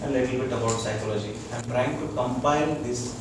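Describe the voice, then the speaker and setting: A doctor with an Indian accent gives an informal wellness lecture to a small group, explaining haltingly and checking that listeners follow. His voice is medium-pitched. The mic sits far from him in a very echoey room, and there is loud noise on the recording.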